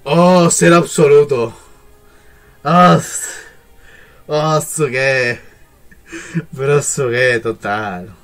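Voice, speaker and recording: A man's voice: medium pitch, fairly even intonation, extremely slow, long pauses, faint music behind. A young man reacting to an anime episode, emotional and full of exclamations. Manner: emotional, exclamatory, swings from shouts to murmurs. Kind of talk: excited reaction commentary.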